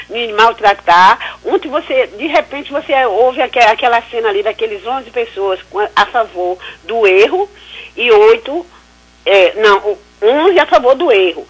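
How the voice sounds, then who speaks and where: A woman's voice: a little high, husky. A woman calling in to a radio show, heard over the phone line, talking in an indignant, preachy way with frequent stumbling restarts. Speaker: radio call-in listener. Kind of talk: caller's comment on a radio show.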